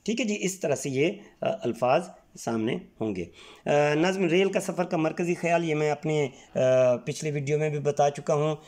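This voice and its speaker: A man's voice: fairly high pitch, a little mellow. A man from Pakistan, teaching a textbook exercise patiently and spelling words out letter by letter. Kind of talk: Urdu textbook exercise lesson.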